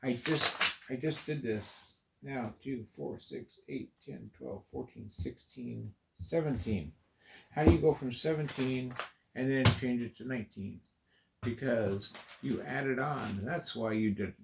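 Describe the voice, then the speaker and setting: A man's voice: medium pitch, a little slow, creaky, very noisy. A man building a model on video, counting pieces under his breath and playfully scolding them as rascals. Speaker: video creator. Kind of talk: building vlog, talking to himself.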